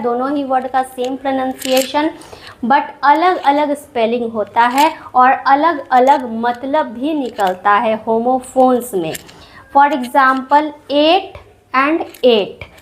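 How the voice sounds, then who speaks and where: A woman with an Indian accent teaches English words, explaining each one patiently and repeating it. Her voice sits high and bright. She speaks slowly and deliberately, like a classroom teacher. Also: slight background noise.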